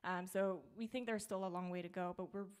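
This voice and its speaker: A woman's voice: lowish voice, steady tone, fairly quick, a little mellow, clean tone. Upbeat young woman giving a tech talk. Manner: casual, upbeat, many fillers. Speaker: startup presenter. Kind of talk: conference talk with live demo. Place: small theater stage.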